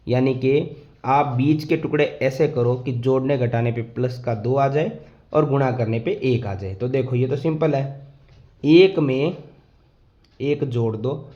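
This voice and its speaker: A man's voice: medium pitch, mellow, highs cut off. A man teaching maths step by step, asking his pupils questions and answering them himself, patiently repeating the rules. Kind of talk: step-by-step classroom explanation. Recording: echoey room.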